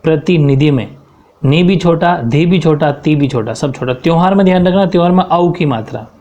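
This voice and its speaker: Guy teaching grammar, goes word by word, keeps saying ok, mellow dull lo-fi sound. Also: fairly high pitch. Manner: explains step by step, often checks in with "ठीक है". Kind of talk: grammar lesson.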